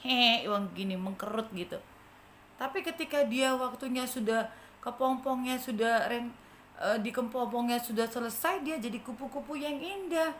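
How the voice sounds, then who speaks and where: A woman's voice: a little high, moderate pace, a bit bright. A woman with an Indonesian accent telling a children's story in church, often asking the children questions. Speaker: Sunday school teacher. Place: church hall. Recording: echoey church hall, faint noise.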